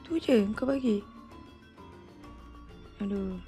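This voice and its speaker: A woman's voice: medium pitch, slow, dark tone. A woman with a Malaysian accent chatting casually and informally on a livestream. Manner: informal, chatty, uses local particles. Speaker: live game streamer. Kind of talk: casual livestream chat, mixing Malay and English. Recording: music behind the voice. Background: music.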